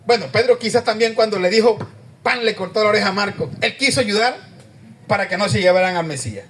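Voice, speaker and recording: A man's voice: sits high, fast, a little hiss or hum. A man preaching a conversational sermon, often asking the congregation questions and repeating amen.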